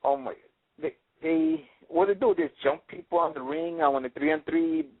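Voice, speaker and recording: A man's voice: on the high side, big pitch swings, normal speed. A man calling into a radio show, defensive and stammering as he argues. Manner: defensive, stammering when pressed. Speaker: caller. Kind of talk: call-in radio opinion. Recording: tinny phone line.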